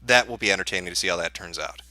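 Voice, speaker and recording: Brief: male livestream host, lowish bright voice, dry sound, sarcastic. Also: rapid-fire. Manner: profane, sarcastic. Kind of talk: casual live commentary.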